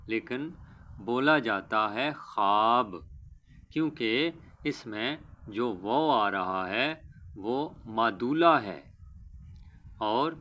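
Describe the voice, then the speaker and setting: A man teaching a pronunciation lesson, speaking deliberately and stressing each corrected word. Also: mid-range voice, sharp tone. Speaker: Urdu teacher.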